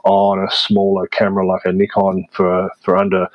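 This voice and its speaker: A man answering interview questions in a measured way, with many fillers and restarts. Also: sits low, monotone, dry recording, muffled recording. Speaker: interview guest, media producer. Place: based in Vietnam.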